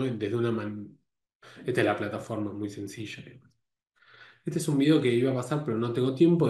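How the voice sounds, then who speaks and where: This live lecture to a course comes from a man whose voice is medium in pitch and darkish in tone. Stumbling restarts and tag questions aimed at listeners run through it, and the space sounds roomy and echoey.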